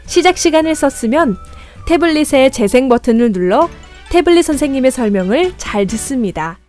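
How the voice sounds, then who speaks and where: Brief: upbeat, slightly high-voiced woman narrator for a student tutorial, faint music underneath. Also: lively intonation, brisk, a little mellow. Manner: friendly, encouraging, addresses viewers as students. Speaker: lesson guide. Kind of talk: scripted instructional narration.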